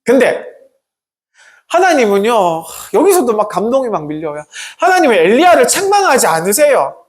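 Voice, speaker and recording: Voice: medium pitch, big pitch swings, normal speed. A pastor preaching a sermon who retells scripture stories conversationally, asks the congregation rhetorical questions and makes self-deprecating asides.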